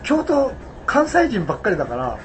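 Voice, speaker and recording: An older man with a high, very lively voice tells a story quickly, laughing as he goes. An audience is heard behind him. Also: a crowd in the background, rough recording. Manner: animated, laughing storyteller, mimics quoted voices. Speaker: guest storyteller. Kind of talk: casual anecdote telling.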